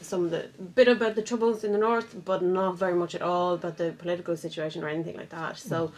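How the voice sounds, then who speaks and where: A woman in her thirties from Sweden, a native Swedish speaker with a slight Swedish accent, answering interview questions in a measured, articulate way. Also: on the low side, fairly even intonation, a little mellow. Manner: articulate, measured, with some fillers. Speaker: local councillor. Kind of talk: interview guest.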